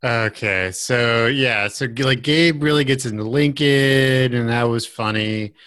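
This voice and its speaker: A man co-hosting a casual podcast chat, talking in a halting way with many fillers and restarts. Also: medium pitch, fairly bright tone, clean tone, no room sound. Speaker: podcast co-host.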